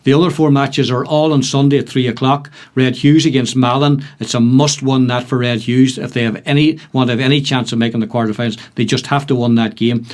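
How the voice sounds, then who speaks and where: A man with a Donegal accent hosts a casual sports discussion. His voice sits at a middling pitch as he runs through results and fixtures in a conversational way. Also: fairly even intonation, fairly quick, hardly any pauses. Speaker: sports podcast host.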